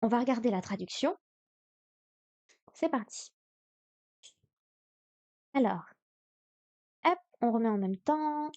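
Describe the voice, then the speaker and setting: Woman streamer, mellow and dry-sounding, talks through a lesson hesitantly, full of fillers. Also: a little high, lively intonation, slow, long pauses, no echo, lo-fi sound. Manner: thinks aloud, hesitant, many fillers. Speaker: streamer learning Chinese. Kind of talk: live-streamed study session.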